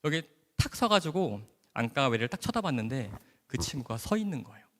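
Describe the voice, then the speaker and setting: A man's voice: medium pitch, fairly quick, slight background noise. A man, a doctor, gives a testimony at a church camp and tells his story vividly. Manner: animated, vivid storytelling with sound words. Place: church camp gathering hall. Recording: hall reverb.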